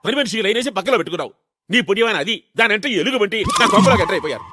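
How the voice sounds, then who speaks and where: A pompous middle-aged family head. He talks high and swoops all over, his pitch jumping wide. Loud film music plays behind him. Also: expressive, rapid-fire. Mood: blustering. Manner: theatrical, exaggerated swings of pitch. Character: blustering middle-aged man, family head scheming to be chief minister. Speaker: comic actor. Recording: film soundtrack with music underneath.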